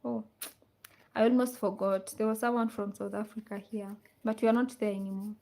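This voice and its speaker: A woman's voice: mid-range voice, fairly even intonation, fairly quick, creaky, a little mellow. A woman from Kenya hosting a casual livestream, reading out viewer comments and repeating her questions to the audience. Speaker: livestream host. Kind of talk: casual live chat with viewers.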